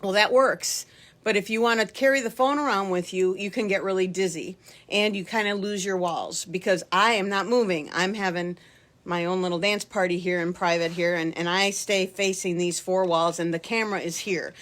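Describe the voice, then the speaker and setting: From her basement at home, a middle-aged woman who teaches line dancing talks jokingly to camera in a relaxed tutorial, chatting freely and doing voices in her stories. Her voice is on the low side, steady, and a bit bright, at normal speed.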